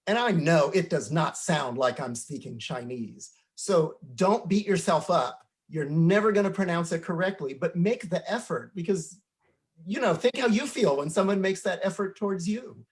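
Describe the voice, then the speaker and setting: A man's voice: high voice, expressive, normal speed. An older man, a teacher of forty years, speaking earnestly and instructively in a panel discussion.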